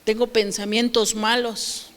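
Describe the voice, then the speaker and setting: A woman's voice: on the high side, level tone, a little slow, big-room sound. A woman pastor preaching a sermon, asking the congregation questions and acting out quotes.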